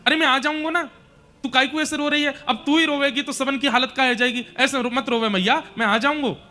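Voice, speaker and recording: An earnest, consoling young boy with a lilt, bright and raised, voiced by a man. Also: very high voice, steady tone, brisk, pitched above the performer's own voice. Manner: soothing, earnest.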